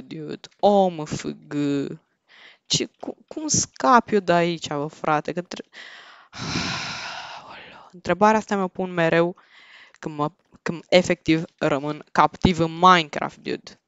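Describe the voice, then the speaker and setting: A young Romanian man giving excitable, slangy commentary while playing Minecraft, panicking and repeating no over and over. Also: fairly high pitch, clear, resonant tone, no echo. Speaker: Minecraft gaming YouTuber. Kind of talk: casual gameplay commentary. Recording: dull lo-fi home mic.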